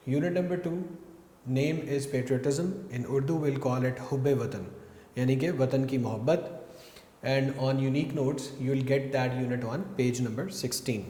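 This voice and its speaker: Male teacher, Pakistani accent, mellow voice, steady letter-by-letter spelling, recorded in a reverberant classroom. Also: medium pitch. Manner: spells words out letter by letter, mixing English and Urdu. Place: classroom with whiteboard. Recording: echoey room with long reverb.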